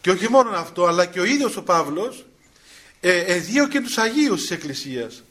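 A man's voice: high voice, sing-song, a bit bright. An older man with a Cypriot Greek accent, a priest giving a spiritual talk and telling a personal story in a chatty, colloquial way with small chuckles. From Cyprus.

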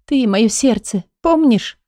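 A woman's voice: a little high, animated, slow pace, dark tone, no echo, studio quality. A woman voicing a young heroine desperately in love, pleading in a raised, emotional voice.

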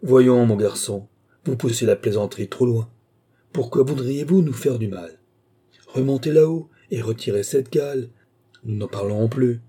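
A man's voice: mid-range voice, normal speed, breathy edge, voice pushed up, lightly acted. A man doing an angry young officer. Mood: coaxing. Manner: shouting, demanding. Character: young male aviator officer, angry and commanding. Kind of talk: audiobook reading.

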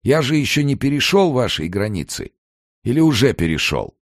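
A man's voice: mid-range voice, big pitch swings, normal speed, no echo, clean studio sound, voice pushed up. A man voicing an anxious old male emigrant without papers, talking in a fretful, muttering way. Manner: fretful muttering inner monologue.

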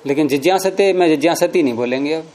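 A man teaching a grammar lesson, repeating word forms slowly and explaining rules step by step. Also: a little high, a little mellow.

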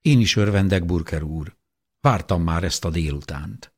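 A man's voice: deep voice, husky. A man voicing a young woman caver in an audiobook who asks eager, polite questions.

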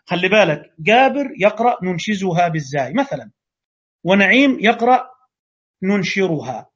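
A man's voice: sits high, sing-song, normal speed, a bit bright, husky. A man with an Egyptian Arabic accent giving an online lecture as a Quran recitation teacher, arguing his points through imagined exchanges and rhetorical questions. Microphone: video call microphone. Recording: dull lo-fi online audio.

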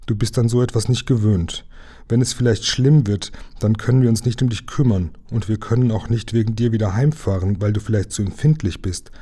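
A man's voice: fairly low pitch, brisk, dark tone, natural voice. A man reading a storybook aloud, voicing a brave, slightly boastful young boy who talks firmly.

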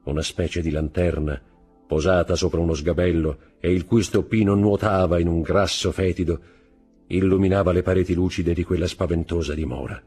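A man narrating a classic novel in a scripted literary style, slowing for dramatic moments, recorded in a studio. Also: low voice, fairly even intonation, darkish tone, slightly rough, soft background music. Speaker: audiobook narrator.

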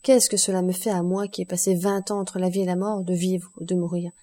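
A grave nobleman who speaks of his own death with calm resignation, read by a woman. His speech is measured and unhurried. The tone stays mellow and soft throughout the audiobook. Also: lowish voice, lightly acted. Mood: resigned. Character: grave, fatalistic nobleman count.

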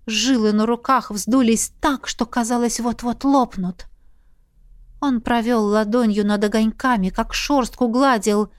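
A woman narrating an audiobook in the first person with even, expressive storytelling. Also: fairly high pitch, dry recording, clean studio sound.

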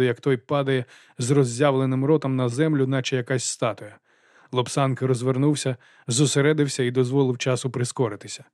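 A man reading an audiobook in a steady, measured narration. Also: mid-range voice, no room sound, clean studio sound. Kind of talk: scripted narration.

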